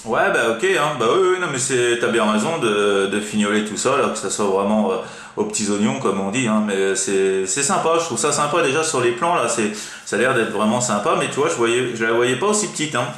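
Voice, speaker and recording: Chatting over CB radio as an amateur operator, a Frenchman rambles, hesitates, and repeats himself often. His medium-pitched voice is a bit bright with lively intonation and a slightly fast pace, heard in an echoing, roomy space.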